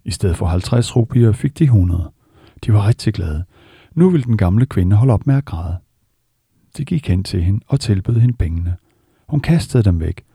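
A man giving a calm, measured meditation talk, telling stories and repeating words for emphasis. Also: fairly low pitch, gravelly, slightly rough, dry recording, clean studio sound. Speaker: meditation teacher. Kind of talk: dharma talk with storytelling.

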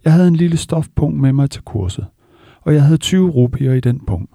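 A man voicing a very old, poor village woman in a spoken teaching story, her lines set a little higher than his narration. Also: lively intonation, gravelly, dark tone, no room sound, clean studio sound. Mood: pleading.

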